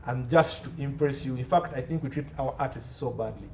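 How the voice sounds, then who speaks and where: A brisk, medium-pitched man with a Ugandan accent serves as an expert interview guest, consulting on entertainment law. He is emphatic, repeating phrases for stress, and is recorded by a distant mic with faint background noise.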